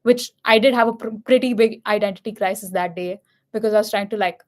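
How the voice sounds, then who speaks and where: A woman's voice: medium pitch, quick pace. A young woman from India with an Indian accent, telling a personal story in a casual, earnest and reflective way. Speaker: vlogger.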